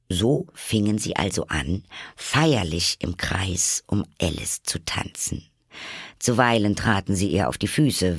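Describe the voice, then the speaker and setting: A man narrating an audiobook of a classic children's story in a calm, measured way. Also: low-pitched, breathy edge, dry recording, clean studio sound.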